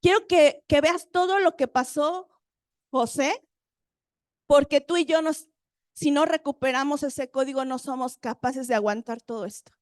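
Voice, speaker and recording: A woman delivers a sermon in a high voice. She reads scripture and puts questions to her listeners. The sound is close and dry. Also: unhurried, dry recording. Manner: animated preaching with Bible readings and questions to the audience. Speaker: preacher.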